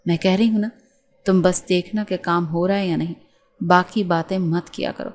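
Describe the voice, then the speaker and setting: A woman's voice: lowish voice, steady tone, lightly acted. A woman voicing a cold, harsh middle-aged stepmother who speaks in curt commands. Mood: stern.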